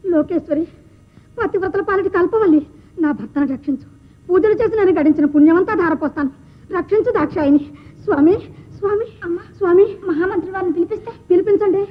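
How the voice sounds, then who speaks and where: A woman's voice: extremely high pitch, a little fast, muffled recording. An actress playing a devoted young queen who pleads anxiously for her husband, in a thin old film soundtrack. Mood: praying. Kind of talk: 1960s film acting.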